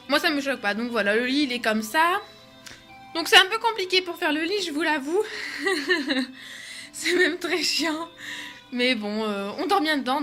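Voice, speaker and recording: Slightly out of breath, a young woman rambles to her phone camera in a skylit bedroom, using lots of fillers in a fairly high, pushed, bright voice. She's a beauty vlogger; the phone is held away without a tripod, so the sound is distant and echoey, with music in the background.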